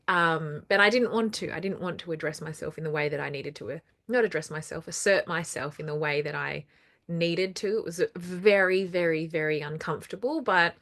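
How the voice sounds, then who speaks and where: Talking directly to her viewers in a solo to-camera video, this numerology host is easygoing yet sincere, reassuring them and using repetition to press her points. Her voice is somewhat low, and a mild cough remains from recent throat trouble.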